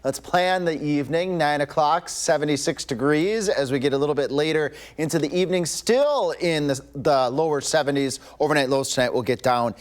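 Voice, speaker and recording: A man giving a live weather forecast as a TV meteorologist, relaxed and ad-libbed. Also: a little high, a little fast, few pauses. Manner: relaxed, ad-libbed, some restarts. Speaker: chief meteorologist. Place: TV news studio.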